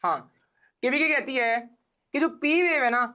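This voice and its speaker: A man's voice: extremely high pitch, lively intonation, unhurried, pushed and bright. A man with a Pakistani accent giving a casual biology lecture to exam students, explaining step by step, repeating key points and checking that they follow.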